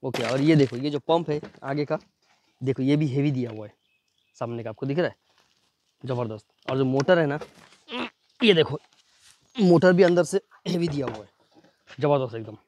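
A man doing a fast, chatty unboxing demo, pointing things out again and again as he shows each part. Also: medium pitch, a little mellow, a little hiss or hum. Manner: fast, chatty, repeats "ye dekho" constantly. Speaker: product reviewer. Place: at home near a building site.

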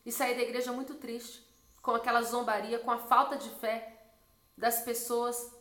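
A woman's voice: level tone, normal speed, echoey room. Earnest young woman sharing a testimony. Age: 20s. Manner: earnest storytelling, drops soft and low when quoting God. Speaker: missionary. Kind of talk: personal testimony.

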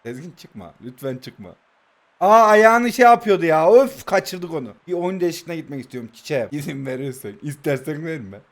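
A man, giving playful, taunting commentary over a mobile football game and bursting into excited play-by-play. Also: on the high side, fairly quick, hardly any pauses. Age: 20s. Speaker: mobile football gaming YouTuber. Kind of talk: live gameplay commentary, teasing opponent.

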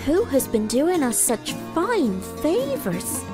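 A woman's voice: high voice, huge pitch swings, slow pace, over music, pitched above the performer's own voice, heavily acted. A woman doing a brave, polite young lad. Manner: polite and earnest.

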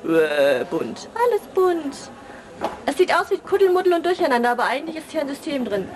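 The young woman's high-pitched voice swings widely in pitch and moves fairly quickly. She's the backstage camera operator and commentator, joking with and teasing the cast. Crowd chatter from the busy backstage area runs underneath.

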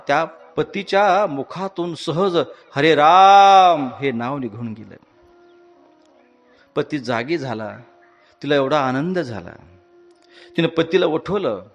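High-voiced male devotional preacher. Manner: swings between loud high exhortation and soft low asides, addresses the audience directly. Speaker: devotional storyteller. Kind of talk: devotional katha sermon.

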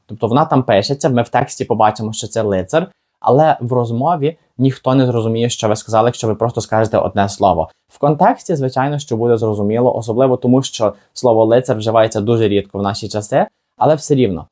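Relaxed man teaching English words. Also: medium pitch. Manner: chatty, asks the viewer rhetorical questions, slows down for example words. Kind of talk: casual video lesson.

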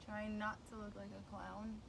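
A woman's voice: mid-range voice, little pitch movement, normal speed, gravelly, noisy background. A woman chatting casually in a behind-the-scenes vlog, upbeat and full of "like". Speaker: model and vlogger. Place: outdoors in woods and a car.

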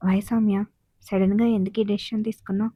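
A woman's voice: mid-range voice, level tone, a little fast, mellow, slightly rough, no echo, close to an everyday voice. A woman voicing a polite male office manager in a story, speaking in a mild, courteous way.

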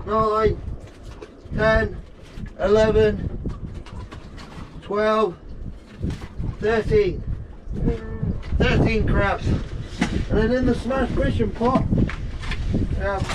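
A young man narrating casually to viewers while hauling fishing pots, counting his catch aloud on a small open boat at sea, picked up by an action camera. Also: high-pitched. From Guernsey. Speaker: fishing vlogger. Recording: loud wind and engine noise. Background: wind, water and boat engine.

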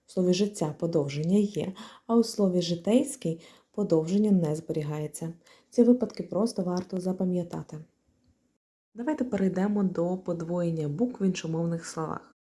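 Methodical woman teacher, very dark voice. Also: lowish voice, moderate pace. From Ukraine. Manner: clear, methodical, spells out letters and examples. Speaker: language teacher. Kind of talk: explanatory lesson.

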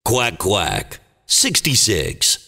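A man playing a booming, dramatic movie trailer announcer, calling bingo in short theatrical phrases with a gravelly voice. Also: huge pitch swings, bright, forceful tone, faint music behind, full character voice. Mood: dramatic, portentous. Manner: theatrical, deliberate, clipped phrases. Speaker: bingo caller. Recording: long booming reverb.

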